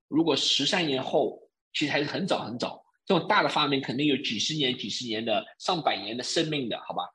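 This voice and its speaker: A man's voice: a little high, pushed and bright, rough recording. A man speaking Mandarin as a non-native with a foreign accent, explaining things off the cuff in a didactic way, often checking that listeners follow. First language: not a native Mandarin speaker. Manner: didactic, with frequent check-in tags. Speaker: interview guest, crypto wallet expert. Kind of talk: spontaneous explanatory talk.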